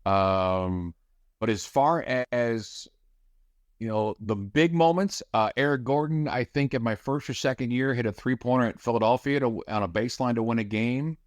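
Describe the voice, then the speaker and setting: Recorded dry and at studio quality, a middle-aged man speaks in a medium-pitched voice at a moderate pace. He calls play-by-play on radio, and in this casual podcast interview his answers are chatty and wandering, with frequent restarts.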